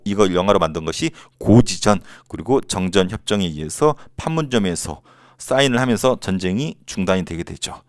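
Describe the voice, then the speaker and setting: A man teaching a high school history lesson in a casual, joking way, with teasing asides and short acted-out quotes. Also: dry recording, studio quality. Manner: playfully acts out short quotes. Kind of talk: lively casual lecture.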